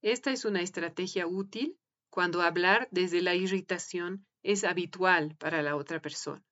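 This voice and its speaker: A woman reads a written piece aloud in a calm, measured way. Her voice sits a little low and stays gentle and unhurried. The recording sounds dull and lo-fi. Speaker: reader of translated articles. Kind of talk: calm scripted reading.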